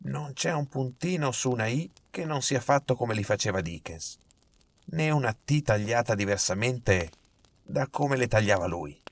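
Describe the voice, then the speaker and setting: A man voicing a nervous, miserly old male collector, fussy and quick to protest. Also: medium pitch, expressive, pitched above the performer's own voice. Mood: indignant.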